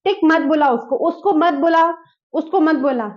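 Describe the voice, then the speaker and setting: A woman playing a proud middle-aged foster mother in a drama skit, scolding in a reproachful, forceful way. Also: high voice, normal speed, natural voice. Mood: defensive. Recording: dull lo-fi recording.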